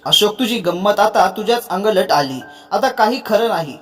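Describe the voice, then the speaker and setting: A man's voice: high-pitched, animated, moderate pace, faint music behind. A narrator doing a teasing young man. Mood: panicked. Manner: playful, boastful.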